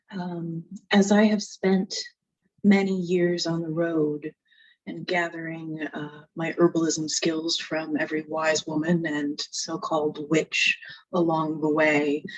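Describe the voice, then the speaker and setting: A woman playing a tabletop game, improvising in character in a thoughtful, halting, earnest way. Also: sits low, breathy edge, highs cut off. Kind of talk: improvised in-character role-play.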